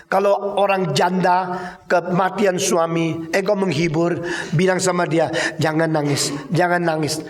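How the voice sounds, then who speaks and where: An older man preaching a sermon as pastor, slow and deliberate, stressing each phrase and repeatedly addressing his listeners. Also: sits high, roomy sound.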